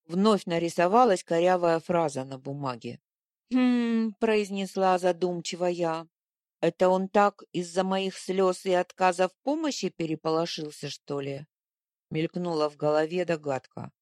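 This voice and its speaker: A low-voiced young woman reads a first-person fantasy tale aloud. She leans into the heroine's outrage and hurt when the dialogue comes. The sound is close and dry, with no room around her. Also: normal speed, no room sound. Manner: expressive, acting out the heroine's indignation and tears. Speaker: audiobook narrator. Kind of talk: first-person audiobook narration.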